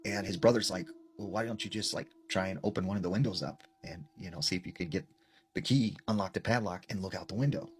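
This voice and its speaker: A man casually retelling a scary story, rambling with filler words and dropping quiet at the tense parts. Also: low voice, fast talker, slight background noise.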